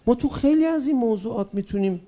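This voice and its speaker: A man giving an impassioned public speech, questioning his listeners directly and swinging between loud emphatic bursts and quiet asides. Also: very high-pitched, lively intonation. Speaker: public speaker.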